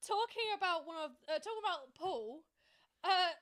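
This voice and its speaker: A woman's voice: extremely high pitch, expressive, moderate pace, fairly bright tone. A young woman co-hosting a casual podcast chat, giggly and stumbling over words. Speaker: podcast co-host.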